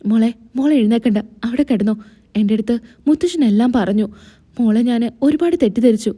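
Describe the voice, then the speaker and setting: Remorseful middle-aged mother-in-law read by a woman, pleading, apologetic, mellow dark tone, fairly high voice. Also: fairly quick, lightly acted.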